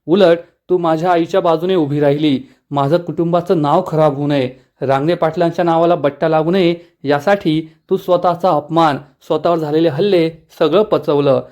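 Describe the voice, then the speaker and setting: A man's voice: on the high side, steady tone, normal speed, darkish tone, close to an everyday voice. Man reading as a tender young husband. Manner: reassuring, earnest.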